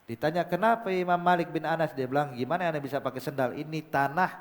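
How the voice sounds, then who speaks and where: A man's voice: a little high, quick pace. A man giving a religious lecture, telling stories and often punctuating them with a repeated "ya". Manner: storytelling, peppered with a recurring "ya". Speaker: preacher. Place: large majelis hall. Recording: reverberant hall.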